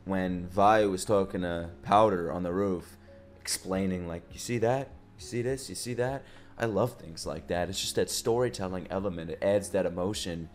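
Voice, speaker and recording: A young man hosting a reaction video in a casual, slangy, exclamatory way, with some swearing. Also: low-pitched. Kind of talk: casual, excited live reaction commentary.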